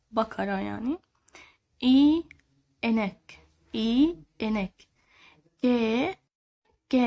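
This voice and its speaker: A woman with an Egyptian Arabic accent teaching Turkish letters, repeating each word slowly and patiently. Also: fairly high pitch, a little mellow. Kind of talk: slow step-by-step teaching.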